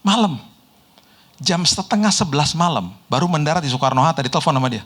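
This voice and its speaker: A middle-aged male pastor, his voice sitting a little higher than most men's. He preaches in a lively storytelling way, slipping into other people's voices and chuckling as he goes. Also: fast. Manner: lively storyteller, mimics people in quotes, laughs often. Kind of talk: sermon with personal anecdotes.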